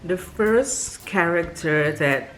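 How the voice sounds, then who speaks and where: A young woman with a West Indian Caribbean accent, talking to camera in a slow, drawn-out way with dips in volume. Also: fairly low pitch, lively intonation, a bit bright. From West Indies. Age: young adult. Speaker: vlogger. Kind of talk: casual storytelling to camera.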